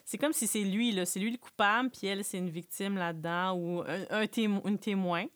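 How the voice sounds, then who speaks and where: A woman with a Quebec French accent, casually chatting as she retells a film's plot and lively acting out what the characters say. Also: medium pitch, a little fast, dry recording. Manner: animated storyteller, acts out characters' lines. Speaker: film recapper.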